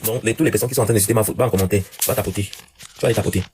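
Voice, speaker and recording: A man hosting a casual live stream, talking to his viewers in an animated rant with lots of repetition. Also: on the low side, slight background noise. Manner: rapid, animated ranting with repeated phrases.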